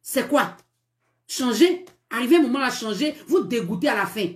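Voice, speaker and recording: A woman's voice: fairly high pitch, lively intonation, normal speed, echoey room. A woman with a Cameroonian French accent hosting a live stream with dating advice, scolding emphatically, repeating herself and laughing as she talks. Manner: emphatic, scolding, repetitive, laughs while talking. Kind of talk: live-stream relationship talk.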